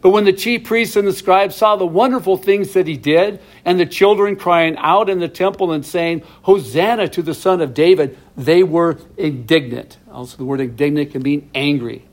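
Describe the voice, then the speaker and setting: A man's voice: high voice, moderate pace, hardly any pauses. A middle-aged man teaching a verse-by-verse Bible study, explaining each passage plainly with asides to his viewers.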